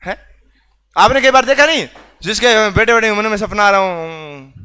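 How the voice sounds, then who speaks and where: A man's voice: high voice, normal speed, pushed and bright, smooth. A man teaching a reasoning class in a classroom, teasing and prodding students to answer. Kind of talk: classroom lecture.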